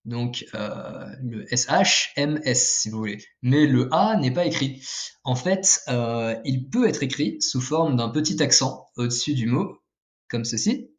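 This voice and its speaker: A man's voice: medium pitch, animated, unhurried. A man giving a casual video lesson, explaining step by step with frequent fillers and self-corrections while drawing with a pen. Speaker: language teacher.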